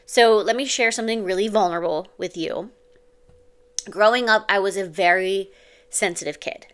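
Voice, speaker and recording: A woman's voice: mid-range voice, normal speed, fairly bright tone, smooth. Earnest woman parenting coach talking to camera. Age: adult mother. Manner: earnest, confiding, uses "like" and "okay?". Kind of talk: direct-to-camera advice talk.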